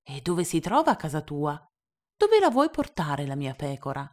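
A woman's voice: low-pitched, big pitch swings, measured pace, a little mellow. A woman reading aloud and voicing a proud grown man, a stranded pilot, with plain, matter-of-fact replies. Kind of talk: storybook reading.

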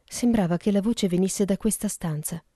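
A woman voicing a decisive man in an audiobook, quick and commanding. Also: mid-range voice, mellow, no room sound, clean studio sound, close to an everyday voice.

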